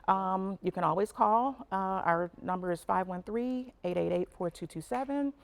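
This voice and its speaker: A woman speaking as a restaurant manager in a casual cooking interview, haltingly and repeating herself. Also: mid-range voice, vocal fry.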